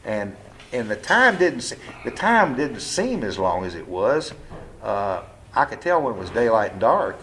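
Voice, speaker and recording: Being interviewed at home about his life, a man in his seventies talks in a lowish, sing-song, slightly bright voice over faint background noise. It's a casual oral-history conversation in his living room, blunt and plain with a bit of cursing, broken up by frequent "uh"s and restarts.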